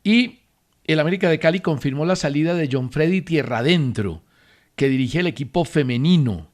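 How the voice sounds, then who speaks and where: Emphatic radio sports host. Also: male voice, a little high, expressive. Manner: measured, emphatic opinion delivery. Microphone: studio radio mic.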